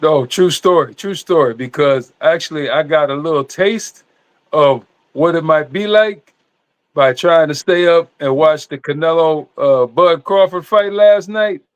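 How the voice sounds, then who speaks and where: A man co-hosting a sports podcast in casual chat, halting and often repeating his words as he goes. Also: a little high, clear, resonant tone, no room sound. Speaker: sports podcast co-host and former player.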